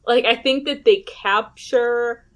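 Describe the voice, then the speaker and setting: A woman hosting a podcast in casual, chatty, animated conversation, her speech slightly slurred from a sore tongue. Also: a little high, takes it slowly. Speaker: podcast host. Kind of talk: casual podcast chat about a TV series.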